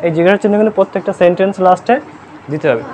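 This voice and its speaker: A grammar teacher runs a live classroom lesson in a medium-pitched, darkish voice, speaking rapid-fire. She keeps quizzing pupils, checks that they understand, and spells words out letter by letter. When pupils get noisy, she scolds them sternly.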